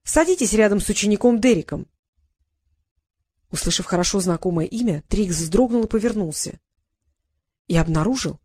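A woman narrating an audiobook in a measured storytelling manner, close to the mic. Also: mid-range voice, warm tone, slightly rough, dry recording. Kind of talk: scripted narration.

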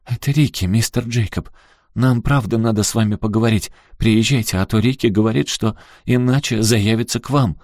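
A man reading an audiobook and voicing a polite, soft-spoken young woman. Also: fairly low pitch, moderate pace, dry recording, pitched above the performer's own voice, natural voice. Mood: polite, pleading. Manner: polite, sweet, pleading. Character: polite young woman, shop clerk, sweetly complicit.

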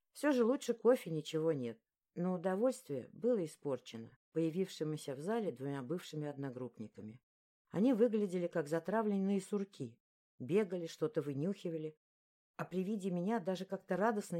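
Audiobook narrator: woman, lowish voice, steady expressive first-person reading.

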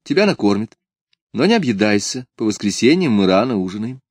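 A man's voice: on the low side, sing-song, brisk, no room sound. A prim, fretful genteel lady, as a man puts her on, speaking in a raised, fussy tone. Dry, close recording. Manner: prim, fretful, with hushed theatrical asides.

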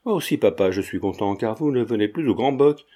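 A man's voice: lowish voice, lively intonation, brisk, mellow. A man voicing a brash, cheeky young painter who talks in a blunt, teasing way.

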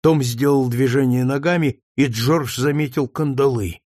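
A man narrating a novel aloud in an expressive, measured storytelling manner. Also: mid-range voice, no echo, clean studio sound. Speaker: audiobook narrator. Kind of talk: scripted narration.

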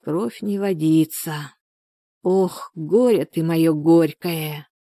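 A woman's voice: on the low side, unhurried, dark tone, dry recording, clean studio sound, natural voice. A woman reading a storybook, voicing a stern, worried village grandmother who scolds. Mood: dismayed.

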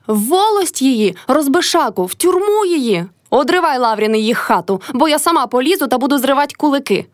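Shrill, wailing old village crone, played by a woman, scheming and loud; dry close read. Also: expressive, a little fast, dry recording. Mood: screeching. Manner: screeching, wailing. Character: shrieking old peasant mother-in-law, quarrelsome, scheming.

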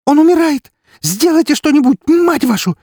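A man's voice: extremely high pitch, animated, moderate pace, a little mellow, no echo, studio quality, pitched above the performer's own voice. A man voicing a young woman screaming hysterically as her brother dies, in an audiobook.

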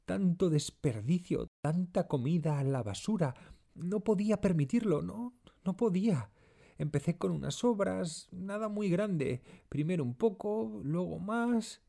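A man voicing a distressed young palace maid who tearfully confesses in a pleading, rushed way. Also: a little high, animated, mellow, voice pushed up, full character voice.

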